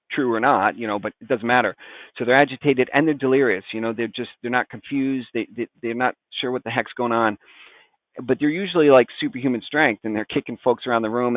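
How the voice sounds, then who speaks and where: A middle-aged physician appears as a guest, explaining medicine conversationally and mixing folksy, informal phrasing into technical jargon. His voice is medium-pitched with no room sound, heard through phone-like, narrow-band audio.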